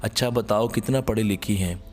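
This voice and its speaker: A man voicing a kind young suitor who speaks gently and affectionately. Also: lowish voice, moderate pace, soft background music, lightly acted. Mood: gentle.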